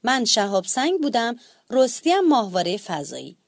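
A woman narrating a children's bedtime story in an expressive storytelling manner. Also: on the high side, no echo, clean studio sound.

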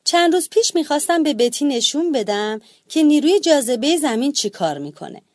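Animated woman reading a bedtime story. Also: sits high, no room sound, studio quality. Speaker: storybook narrator.

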